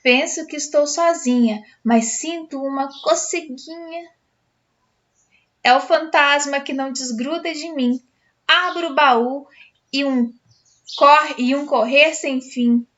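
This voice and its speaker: A Brazilian woman teacher reading a storybook aloud to schoolchildren in an expressive, dramatic way. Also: high voice, slow pace. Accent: Brazilian Portuguese. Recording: dull lo-fi sound.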